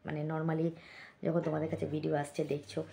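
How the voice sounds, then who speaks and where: A woman's voice: low voice, monotone, brisk, vocal fry, mellow, slight background noise. A woman vlogger chatting casually to her viewers, reading comments aloud with many fillers and asides. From Bengal.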